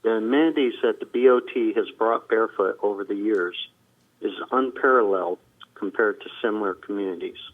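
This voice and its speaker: Man speaking over a tinny speakerphone. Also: medium pitch. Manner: reads steadily with filler pauses. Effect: heard over a speakerphone. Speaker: business owner addressing a board. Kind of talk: prepared statement to a public meeting. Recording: tinny phone line on a speakerphone.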